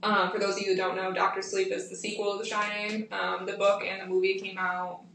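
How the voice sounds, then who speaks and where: A woman co-hosting a casual podcast, steadily explaining and recounting with the odd filler. Her voice sits at a middle pitch. She is off the mic in an echoing room with a faint hiss behind her. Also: flat delivery, fairly quick, vocal fry. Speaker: podcast co-host. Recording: echoey room, distant from the mic, faint noise.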